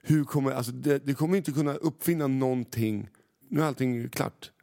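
A man co-hosts a podcast in loose casual chat. His voice is gravelly with steady fry, pitched in the middle range. He jokes and mocks himself, talking into a handheld microphone. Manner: joking, self-mocking. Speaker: podcast co-host.

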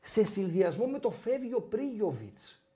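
A man hosting a casual sports podcast, telling stories in an animated, teasing way. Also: high-pitched.

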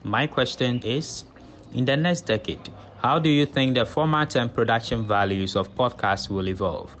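A man's voice: medium pitch, moderate pace, fairly bright tone, a little hiss or hum. Young Ghanaian man, formal and precise. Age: young adult. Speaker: student asking the guest a question. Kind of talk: reading a prepared question.

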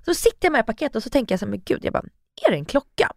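A woman in her thirties chatting on a podcast, voice leaping up high whenever she acts out a line. Dry, close sound with no room around it. She tells a long story with lively swings. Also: vocal fry, dry recording. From Sweden. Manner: animated storytelling, acting out quotes with big pitch jumps. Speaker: podcast co-host. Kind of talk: casual chat.

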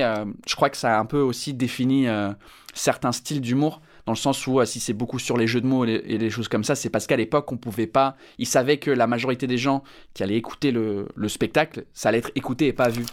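An English man in his thirties, a stand-up comic, answers interview questions in French with an English accent, his mid-range voice full of fillers and restarts.

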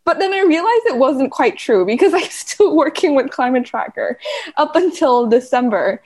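A young woman from Vietnam, a climate journalist, chatting relaxed in an interview. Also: high-pitched, moderate pace. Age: young adult. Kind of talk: casual interview chat.

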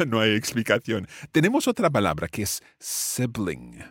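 A man's voice: lowish voice, wildly swooping pitch, unhurried, husky, dry recording, clean studio sound. A man teaching family words in English, explaining patiently and repeating each word for his student. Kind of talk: language lesson dialogue.

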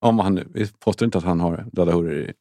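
A man's voice: sits low, dark tone, no echo. A man hosting a podcast in casual chat, swearing and laughing as he tells stories. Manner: profane, storytelling, laughs often. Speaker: podcast host.

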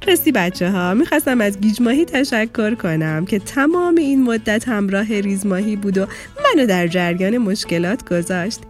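A woman voicing a kind, patient female fish schoolteacher who lectures calmly and gently, in a children's story. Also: mid-range voice, few pauses, soft background music, natural voice.

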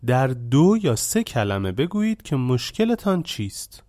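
A man voicing a calm, patient old male sage who speaks in a measured, unhurried way. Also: medium pitch, no room sound, studio quality, lightly acted.

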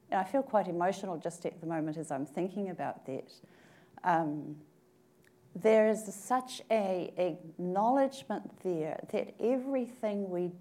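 A woman from New Zealand speaking on a panel, thoughtful and measured, pausing often to gather her words. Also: mid-range voice, dark tone. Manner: thoughtful, measured, with frequent pauses and fillers. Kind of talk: panel discussion. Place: conference room at a table.

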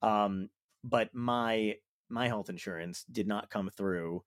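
A man's voice: fairly low pitch, takes it slowly, no echo, clean studio sound. A man, a comedian and podcast host, telling a story in casual chat, swearing freely and acting out both sides of a phone call.

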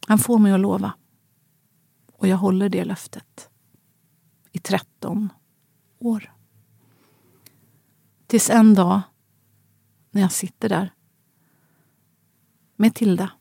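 A woman in her forties narrating a personal story in a quiet, halting, grave way. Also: mid-range voice, gravelly, husky, no echo.

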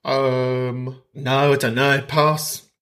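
A man's voice: mid-range voice, flat delivery, extremely slow, fairly bright tone, clear, resonant tone. A man from Donegal, hosting a podcast in a camp, sweary, mock-indignant, casual comic chat. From County Donegal, Ireland. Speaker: podcast host.

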